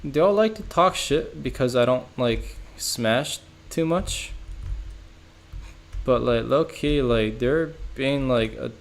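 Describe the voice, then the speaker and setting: Slow and gravelly in a mid-range register, a young man rambles through a casual home livestream, reacting to chat. His talk is packed with "like" and "bro," and he laughs a lot.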